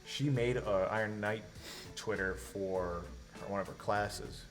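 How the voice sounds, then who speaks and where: A young man co-hosting a casual podcast, telling stories in an animated, rambling way with lots of restarts. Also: fairly low pitch, a little slow, faint music behind. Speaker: podcast co-host. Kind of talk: casual chat.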